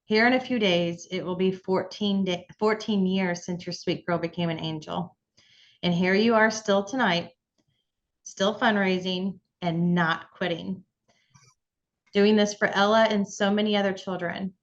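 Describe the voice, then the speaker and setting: A woman interviewing a guest for a charity fundraiser, gentle and affirming. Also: medium pitch, fairly even intonation, measured pace, muffled recording. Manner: gentle, affirming, with short yeahs. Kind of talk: interview questions.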